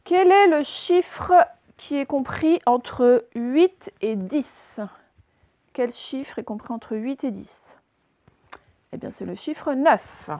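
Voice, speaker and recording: A woman teacher giving a recorded reading lesson, speaking slowly and clearly, asking questions and then answering them herself. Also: high voice, warm tone. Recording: dry, dull lo-fi recording.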